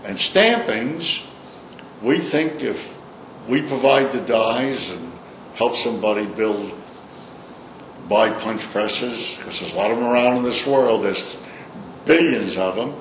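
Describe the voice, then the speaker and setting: A man's voice: medium pitch, measured pace. Blunt older man, Brooklyn accent, echoey room. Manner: blunt, salty, opinionated. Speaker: interviewee. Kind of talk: informal storytelling in a recorded interview. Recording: echoey room, clear background noise.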